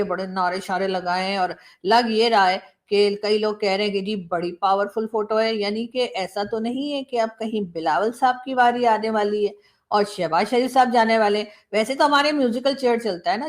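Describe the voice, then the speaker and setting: A woman talks through current politics in a casual, chatty way, tossing in rhetorical asides. Her voice sits a little high for a woman. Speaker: commentator.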